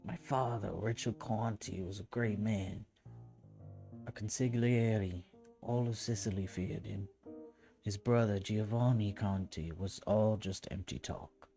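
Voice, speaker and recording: Old mafia don, done by a man, proud and bitter, shaky Italian accent, low mellow tone. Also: steady tone, a little slow, vocal fry, faint music behind. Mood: solemn, boastful.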